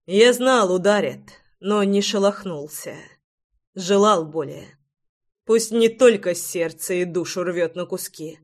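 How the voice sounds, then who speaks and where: A woman's voice: fairly low pitch, slow. A woman narrating a romance audiobook in the first person, with an emotional, dramatic reading.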